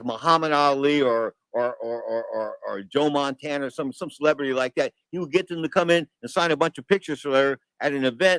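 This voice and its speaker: A man's voice: medium pitch, no echo, poor audio. A man hosting boxing talk radio in a slangy, opinionated monologue. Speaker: radio sports show host. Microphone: close studio broadcast microphone.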